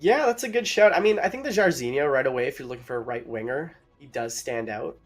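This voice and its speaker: A man's voice: medium pitch, expressive, quick pace, faint music behind. A man co-hosting a mobile game livestream, upbeat and chatty, greeting viewers in chat and sounding a bit out of breath.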